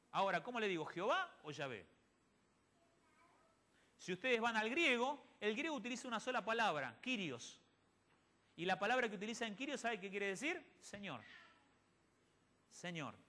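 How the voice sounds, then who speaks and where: A man's voice: sits high, sharp tone. A man giving a sermon-style Bible teaching in a church, asking rhetorical questions and quoting conversations. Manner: asks the audience rhetorical questions and answers them; quotes others in conversation. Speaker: church speaker.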